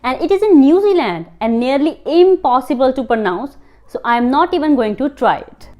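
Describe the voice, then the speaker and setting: An Indian woman hosting a fun-facts video. She reads the facts slowly in English and then chats quickly in Hindi. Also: high-pitched, expressive, highs cut off. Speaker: host. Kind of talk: fact-sharing video, scripted English and chatty Hindi.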